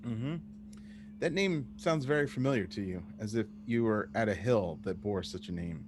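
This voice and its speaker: A man's voice: lowish voice, expressive, moderate pace. A man narrating a tabletop game as the game master. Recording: noisy voice recording with hum.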